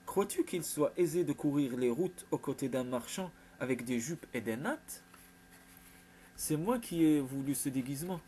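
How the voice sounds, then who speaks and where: A man's voice: fairly high pitch, animated, normal speed, dark tone, slight background noise, close to an everyday voice. A man reading the lines of a determined young noblewoman in disguise, earnest and resolute.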